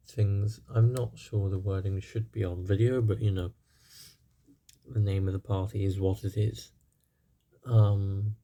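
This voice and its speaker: Tired, rambling young man, dark voice. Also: lowish voice, creaky. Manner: rambling, many fillers and hedges. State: slightly tired. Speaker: gaming channel host. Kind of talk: casual strategy game commentary.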